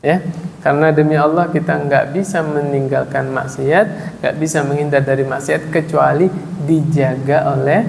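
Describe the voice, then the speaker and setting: A man's voice: fairly high pitch, steady tone, creaky. Man preaching in an echoing mosque. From Indonesia. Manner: asks the audience questions and answers them himself; recites Arabic verses slowly. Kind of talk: mosque study-circle sermon. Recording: long echo in a large hall, faint ambient noise.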